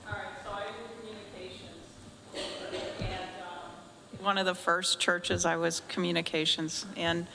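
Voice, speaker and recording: A woman's voice: on the low side, level tone, a little slow, gravelly, pauses often. A woman in a church book group, telling a funny story about her own mistake with a self-mocking, laughing manner. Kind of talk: casual anecdote. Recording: echoey hall, faint background noise.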